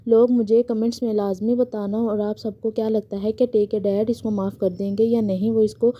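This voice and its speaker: A woman's voice: fairly high pitch, little pitch movement, moderate pace. Woman narrating a story in a lo-fi recording. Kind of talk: reading a fan fiction story aloud. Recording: slightly dull lo-fi recording.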